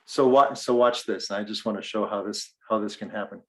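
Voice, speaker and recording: A man's fairly low voice moves a little fast as he co-hosts a casual podcast. Middle-aged, from Western Canada and faintly accented, he tells stories with animation and plays out the dialogue himself.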